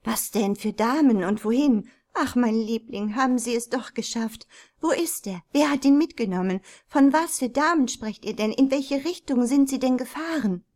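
A woman's voice: a little high, normal speed, darkish tone, natural voice. Woman doing a frantic widowed mother. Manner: urgent, pleading.

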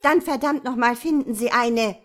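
A woman's voice: medium pitch, measured pace, a little mellow, natural voice. A woman voicing a desperate, angry woman demanding a loan, tense and insistent. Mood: furious. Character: desperate, angry middle-aged woman borrower.

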